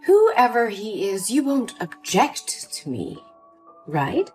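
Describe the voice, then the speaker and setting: A woman's voice: mid-range voice, huge pitch swings, slow pace, a little mellow. A woman voicing a cold, condescending older mother in a story drama, with faint music behind. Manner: cool, condescending.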